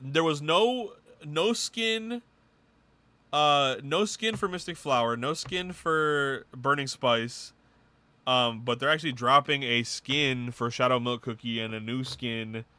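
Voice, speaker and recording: A man co-hosting a podcast, rattling off game news in casual, swearing slang with excitement. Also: medium pitch, slow, smooth, no echo. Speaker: podcast co-host. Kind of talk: casual chat.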